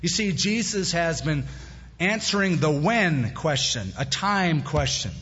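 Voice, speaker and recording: Male pastor preaching at a pulpit mic, raised husky voice, long hall echo, dull recording. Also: fairly high pitch, expressive, unhurried, a bit bright. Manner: conversational, with plain-spoken asides. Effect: preaching at a pulpit microphone. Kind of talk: sermon. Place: church sanctuary. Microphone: pulpit microphone. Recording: echoey hall, dull lo-fi sound.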